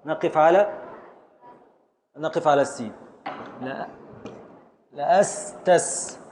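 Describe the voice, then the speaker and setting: An Egyptian man with a fairly high voice leads a class on poetic meter. He calls on students and sounds out syllables slowly. Faint room noise sits under the recording. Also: a little mellow. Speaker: teacher. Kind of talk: Arabic prosody class.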